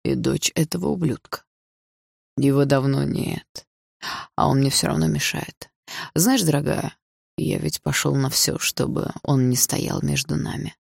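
A woman's voice: rumbling low, fairly even intonation, unhurried, gravelly, darkish tone, breathy edge, no room sound, studio quality, exaggerated voice. A woman reading an audiobook, voicing a smug, possessive adult man who taunts coldly and sneers. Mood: smug menacing.

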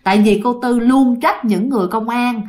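A woman with a Southern Vietnamese accent hosts a show of true ghost tales. Her fairly high voice runs on in a relaxed, chatty flow, and she keeps turning to speak to her listeners. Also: normal speed. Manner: chatty, addresses listeners directly. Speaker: storyteller host.

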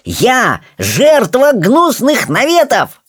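A man voicing a small, theatrical male kobold who squeals melodramatic, outraged protests in a shrill voice. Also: sing-song, a little slow, a bit bright, no echo, exaggerated voice.

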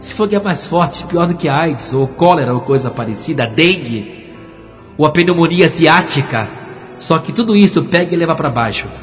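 A man's voice: fairly high pitch, animated, moderate pace, soft background music. A pastor giving a dramatic testimony sermon, acting out the voices in his story. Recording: dull recording with long hall reverb.

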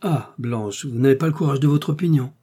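A man voicing a lively old countess. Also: medium pitch, moderate pace, breathy edge, close to an everyday voice. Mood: teasing. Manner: exclamatory, teasing. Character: elderly countess, lively, outspoken dowager.

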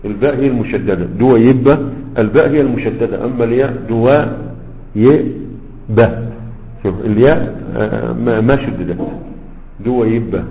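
Male grammar teacher, chatty classroom manner, long reverb, muffled lo-fi sound. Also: medium pitch. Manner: conversational, repeats words slowly to model pronunciation. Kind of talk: classroom lesson with questions. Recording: dull lo-fi audio with long hall reverb.

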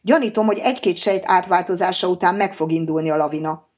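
A woman voicing a calm, self-assured male scientist in an audiobook, speaking in a measured, explanatory way. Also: lowish voice, natural voice.

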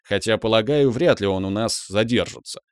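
A stern old mentor mage from a dark fantasy audiobook, speaking in a low, iron-firm, matter-of-fact tone, as a male narrator reads him. The sound is dry and close. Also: moderate pace, clean tone, dry recording, natural voice.

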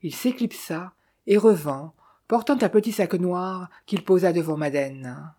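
Woman narrating a novel in a dark, husky voice. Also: a little slow. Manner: reads every character in turn, lifting pitch and volume for quoted speech. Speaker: audiobook narrator. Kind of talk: scripted narration.

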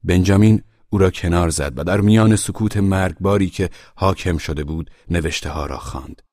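A man narrating a storybook in a measured, grave, dramatic way. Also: low-pitched, darkish tone, no room sound, clean studio sound. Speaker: audiobook narrator.

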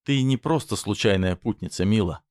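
A man voicing a menacing, possessive man who speaks slowly in a low, threatening tone. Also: a little mellow, dry recording, studio quality, close to an everyday voice. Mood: coaxing. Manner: slow, low, threatening delivery.

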